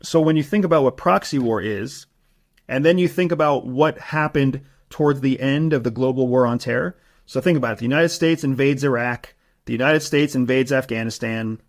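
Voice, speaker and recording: Man explaining in steady rhetorical lists. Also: medium pitch, normal speed. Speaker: political commentator. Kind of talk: explanatory analysis.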